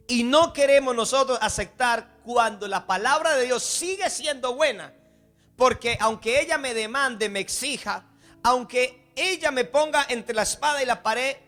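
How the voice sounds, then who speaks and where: High, bright-voiced preaching man. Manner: impassioned preaching, acts out the people he quotes. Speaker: pastor. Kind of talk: sermon.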